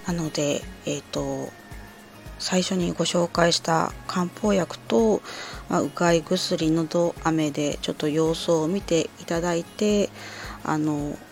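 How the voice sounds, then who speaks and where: A woman speaks in a low-pitched voice as a podcast host giving informal health advice. She explains things politely and a little hesitantly, phrase by phrase. Faint music plays behind her. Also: unhurried, vocal fry, darkish tone. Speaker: podcast host answering listener letters.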